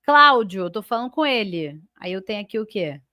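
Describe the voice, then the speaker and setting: In a live online class, a Brazilian woman walks students through grammar step by step, pausing often to check in. Her mid-range voice is sing-song, fairly quick and sharp, and she stretches and emphasizes key terms while labeling sentence parts. The sound is dry and clean, studio-like.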